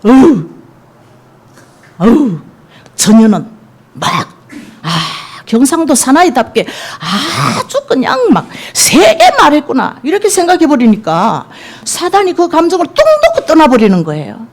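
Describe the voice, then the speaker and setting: A woman's voice: high-pitched, very animated, a little slow. A middle-aged woman evangelist giving a sermon testimony, telling stories with feeling and acting out quoted speech. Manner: emotional storytelling, acts out quoted speech.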